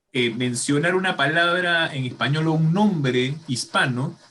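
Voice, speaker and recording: A man's voice: mid-range voice, a bit bright. A man hosting an interview, asking long, rambling questions with hesitations. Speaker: interviewer, host.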